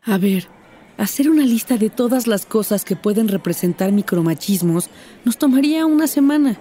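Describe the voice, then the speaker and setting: A woman's voice: fairly high pitch, animated, normal speed, warm tone, a little hiss or hum. A woman with a Mexican accent, talking earnestly and explaining in a scripted dialogue. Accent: Mexican Spanish. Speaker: character Patty in a teaching dialogue.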